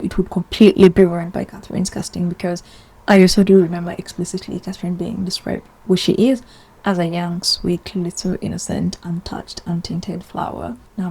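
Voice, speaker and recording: A woman's voice: on the low side, warm tone. A woman giving chatty, opinionated commentary in a casual vlog, rambling with asides. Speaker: video essayist.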